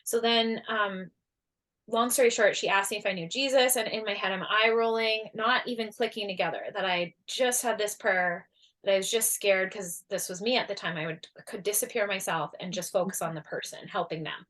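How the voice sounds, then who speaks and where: A woman guest tells a long personal story in a casual, chatty way. She jumps into quoted voices, leans on fillers like "like", and sits at an everyday middle pitch. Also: moderate pace. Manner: animated, acts out quoted voices, many fillers. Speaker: guest, energy healer and coach.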